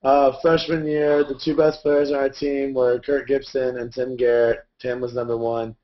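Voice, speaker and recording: Read the comments as an excitable young man, teasing, never still. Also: mid-range voice, normal speed. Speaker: co-host, former math teacher. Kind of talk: casual chat, reading viewer comments. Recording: muffled lo-fi audio.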